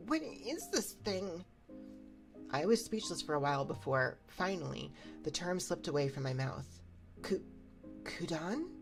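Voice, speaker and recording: Brief: soft-spoken woman storyteller, low and gravelly, instrumental music underneath. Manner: gentle, hushed first-person reading. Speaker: storytime streamer.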